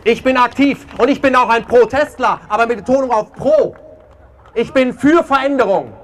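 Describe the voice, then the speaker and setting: A man's voice: very high voice, moderate pace, fairly bright tone. A man giving an impassioned protest speech at an outdoor demonstration, emphatic and often tagging on "ja?". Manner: emphatic, keeps tagging questions with "ja?". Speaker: speaker at a peace rally. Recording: faint crowd noise outdoors.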